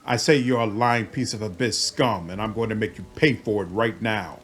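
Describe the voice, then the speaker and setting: A man voicing a hostile warrior guard in a fantasy game, forceful, indignant and accusing. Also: medium pitch, normal speed, husky, pitched above the performer's own voice, close to an everyday voice. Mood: threatening.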